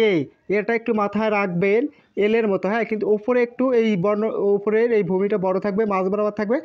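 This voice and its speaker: A woman with a Bangladeshi Bengali accent, a language teacher patiently explaining and drilling syllables one by one. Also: medium pitch. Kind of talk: explaining at a board. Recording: slightly dull lo-fi recording.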